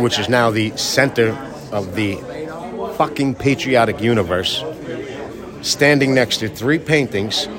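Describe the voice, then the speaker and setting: A man talking in a brash, boastful, profane way, interviewed at a busy event. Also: mid-range voice. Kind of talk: casual interview. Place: hotel event, crowd around. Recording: crowd noise behind. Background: crowd chatter.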